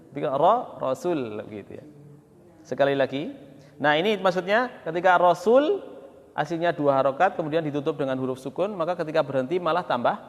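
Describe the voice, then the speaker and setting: A man teaching Quran recitation to a class, drilling students, counting aloud and chanting verses slowly. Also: fairly high pitch, dull audio. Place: mosque hall. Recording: long mosque reverb.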